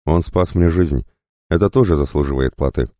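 A man's voice: extremely low pitch, moderate pace, mellow, dry recording, studio quality. A man voicing a young prince, bitter and cold in his anger. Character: young boy prince, proud and vengeful.

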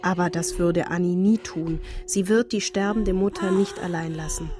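A woman narrating as a grown daughter in a radio play, quiet, bitter and reflective as she addresses her mother. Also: on the low side, steady tone, moderate pace, loud music behind the voice, close to an everyday voice.

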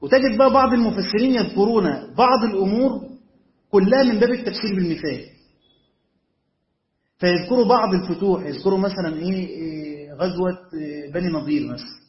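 A man's voice: high voice, quick pace. A man with an Egyptian Arabic accent teaching as a sheikh, explaining a text step by step and often checking whether his students follow. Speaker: sheikh teaching Quran commentary. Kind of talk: classroom lecture on a text. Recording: echoey room, dull lo-fi sound.

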